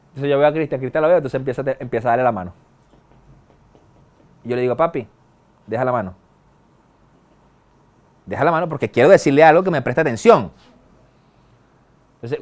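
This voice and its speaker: High-voiced pastor preaching. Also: male voice, darkish tone. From Venezuela. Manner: conversational preaching with colloquial asides and quick bursts. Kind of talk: sermon.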